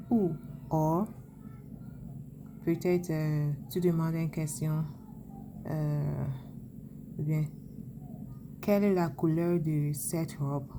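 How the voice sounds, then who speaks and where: A woman teaching a French lesson, spelling out sounds and repeating examples slowly. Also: sits low, mellow, a little hiss or hum. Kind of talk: language lesson.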